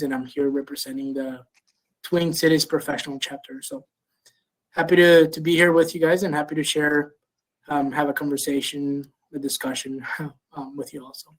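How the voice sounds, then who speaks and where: A young man from Venezuela joins a panel over a video call. His speech stays flat and level, with a slightly high voice, and he stumbles through ums and restarts in easy conversation. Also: rough recording. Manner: hesitant, many ums and restarts. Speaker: panel guest, chapter treasurer. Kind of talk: casual panel talk.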